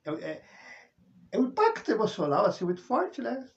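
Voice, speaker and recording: A man with a Brazilian Portuguese accent giving an informal Bible study, telling the story with animated emphasis. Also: high voice, moderate pace, lo-fi sound. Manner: animated storytelling, frequent "né", chuckles.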